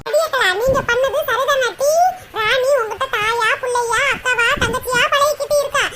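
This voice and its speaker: Bossy village auntie, played by a woman, shrill and very high, scolding with a laugh. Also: steady tone, normal speed, pushed and bright, a little hiss or hum. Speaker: cartoon voice. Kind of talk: cartoon comedy dialogue.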